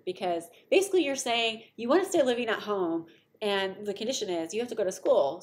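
Middle aged woman teacher, casual lecture, lots of ums and likes, faint hiss. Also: medium pitch. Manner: conversational, frequent fillers. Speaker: college instructor.

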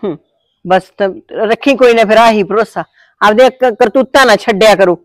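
A woman's voice: medium pitch, normal speed, dry recording, close to an everyday voice. An actress with a Punjabi accent playing a sarcastic, scolding middle-aged mother-in-law in a village family drama.

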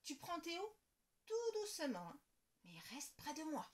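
A woman voicing a patient, gentle mother in a children's storybook, speaking softly. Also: high voice, wildly swooping pitch, unhurried, voice pushed up, exaggerated voice.

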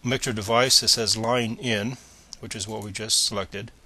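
A screencast tutorial presenter walks through computer instructions step by step in a plain, methodical way. His voice is fairly low and slightly rough with a bright, forward edge, keeping a steady tone at normal speed.

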